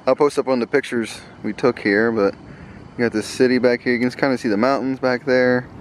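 A man's voice: medium pitch, steady tone, fairly quick, poor audio. A young man from Pennsylvania chats to his viewers in a loose, slangy, rambling way, leaning on "like" between his thoughts. His voice comes from a phone video filmed at arm's length outdoors. Faint wind and outdoor noise sit behind him. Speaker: car vlogger. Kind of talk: casual vlog chat. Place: outdoors at a waterfront base. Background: wind and light outdoor noise.

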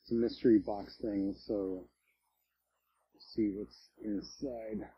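A man hosting a casual unboxing vlog, talking in a halting, offhand way with many restarts. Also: fairly low pitch, little pitch movement, highs cut off, slight background noise. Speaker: vlog host reviewing candy.

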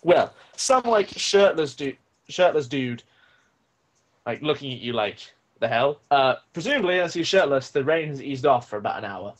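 A man's voice: medium pitch, big pitch swings, moderate pace. A young man narrating a tabletop game as game master, in a loose, rambling way with lots of fillers.

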